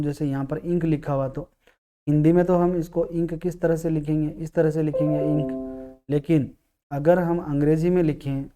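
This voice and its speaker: A man teaching English grammar, explaining patiently, repeating key words and sounding out vowels slowly. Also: on the high side. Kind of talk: classroom-style explanation.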